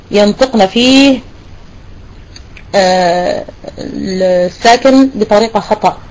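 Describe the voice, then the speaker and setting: A woman leads a tajweed lesson, her voice sitting a little high. She explains step by step, asks her students questions and praises them, and slowly repeats words to show the right pronunciation. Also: a little mellow, low-quality recording. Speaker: Quran recitation teacher.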